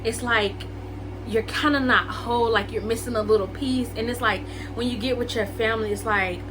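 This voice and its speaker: With music behind her and poor audio quality, a vlogger in her late twenties speaks at normal speed in a slightly high voice with fairly even intonation. Her casual get-to-know-me talk to camera is loaded with "like" and "um," and she calls viewers "y'all" and "guys."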